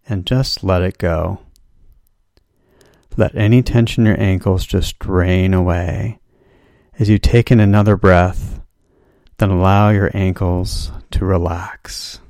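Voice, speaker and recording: Male relaxation guide; deep-toned, mellow, unhurried soothing delivery. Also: creaky, no room sound, clean studio sound. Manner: slow, soothing, drawn-out instructions. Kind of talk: guided progressive muscle relaxation.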